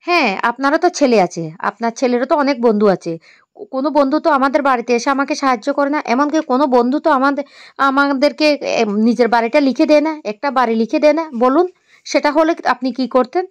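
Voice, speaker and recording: A woman doing a sharp-tongued scheming sister-in-law. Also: sits high, fast talker, no echo, pitched above the performer's own voice, natural voice. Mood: accusing. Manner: accusing, insistent.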